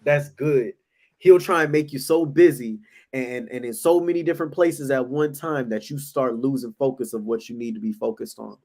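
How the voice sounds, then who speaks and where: A man co-hosting a casual relationship talk show, speaking in a relaxed, conversational and encouraging way. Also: mid-range voice, moderate pace. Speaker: podcast co-host.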